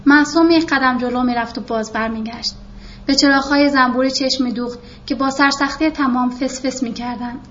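A woman with a high voice reads a novel aloud in steady, scripted narration and speaks the characters' lines without changing her voice much. The recording is slightly muffled, with a faint hiss underneath. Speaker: audiobook narrator.

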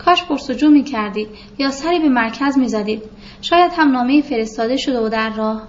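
A woman reading a literary novel aloud in a calm, measured storytelling voice, on a dull lo-fi recording with faint hiss. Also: a little high. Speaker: narrator. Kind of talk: literary audiobook narration.

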